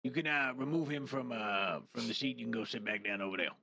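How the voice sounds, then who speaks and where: A man's voice: medium pitch, fast talker, sharp tone, dry recording. A man roleplaying a judge in a game courtroom, brash, profane and commanding.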